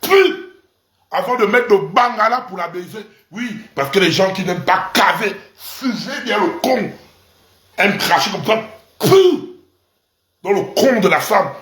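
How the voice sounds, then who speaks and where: A male voice that sits high, with a fairly bright tone, speaks at a moderate pace in roomy sound. He's an online commentator giving a mocking rant to camera, crude and provocative, aimed at his audience and emphasized with repeated syllables.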